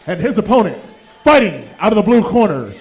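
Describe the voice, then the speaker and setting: A man works as a boxing ring announcer in a high-pitched, very lively voice. He delivers formal introductions with a booming projection. Names get stretched out for show. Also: a little fast.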